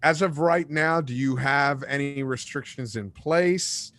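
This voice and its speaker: Chatting casually on a live stream, the late-forties host of a fishing talk show jokes around and animatedly acts out the quotes in his stories. He speaks in a mid-range voice at a slightly slow pace.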